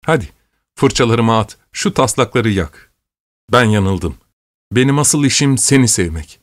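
A man voicing an excitable young painter, passionate and breathless with joy, in a storybook reading. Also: medium pitch, unhurried, dry recording, studio quality, close to an everyday voice. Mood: impassioned.

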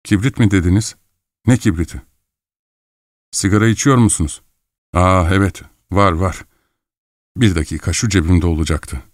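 A man voicing a fussy, pleading older man in a fur coat in an audiobook reading, slow and drawn out. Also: low-pitched, no echo, studio quality, close to an everyday voice.

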